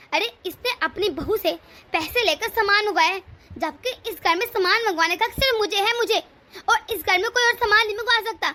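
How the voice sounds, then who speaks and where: A woman's voice: very high voice, bright, forceful tone. A woman voicing a bossy, stingy elderly mother-in-law in a cartoon story, scolding and melodramatic. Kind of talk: cartoon voice acting.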